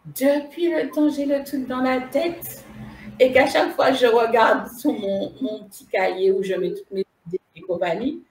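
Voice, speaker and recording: A woman's voice: a little high, moderate pace, reverberant, slight background noise. A woman casually telling a personal story as a guest, repeating herself and laughing as she goes. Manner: animated, repeats phrases, laughs while telling. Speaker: spiritual medium guest.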